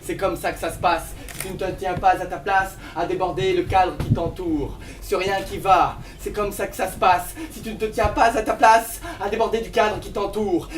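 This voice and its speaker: A man performing an intense slam poem, declaiming forcefully with repeated commands. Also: sits high. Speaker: slam poet. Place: theatre stage. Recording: roomy stage sound from far off.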